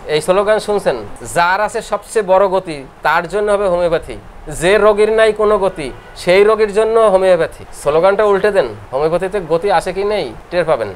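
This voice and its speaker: A middle-aged man from Bangladesh giving a classroom lecture, explaining points over and over and reciting verses slowly in a sing-song way. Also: sits high, slight background noise. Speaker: homeopathy lecturer.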